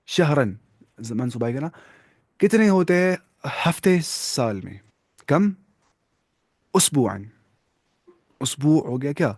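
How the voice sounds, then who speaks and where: A man's voice: medium pitch, expressive, pauses often, a little mellow, no echo, clean studio sound. A man teaching an Arabic lesson, patiently quizzing his students and praising their answers, with English words mixed into his explanations. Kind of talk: classroom-style language lesson.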